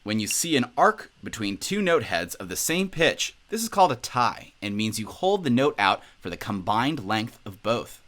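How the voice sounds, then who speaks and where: A man's voice: moderate pace, few pauses. Young guy doing an upbeat music tutorial, voice bouncing up and down a lot. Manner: upbeat, instructional, lively pitch. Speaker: music teacher.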